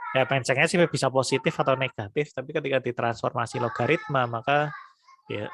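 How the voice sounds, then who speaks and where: A man lecturing on economics in a relaxed, conversational way, dotting his explanations with little tag words. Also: mid-range voice. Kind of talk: recorded lecture.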